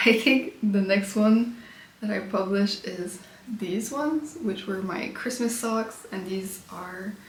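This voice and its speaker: A knitting podcast host shows off her knitting in her apartment, chatting in a loose, relaxed way with frequent fillers. Her medium-pitched voice is slightly stuffy and congested and echoes around the room, with a faint background hiss behind her.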